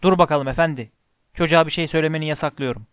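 A man's voice: on the high side, racing, a bit bright, clear, resonant tone, dry recording, studio quality, lightly acted. A man reading an audiobook voices a pompous middle-aged uncle who gives stern, flustered commands. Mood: blustering.

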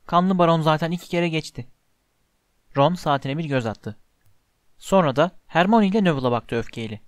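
A man's voice: on the high side, moderate pace, dry recording. Man reading a story, dry close sound. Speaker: audiobook narrator. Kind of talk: scripted storybook narration.

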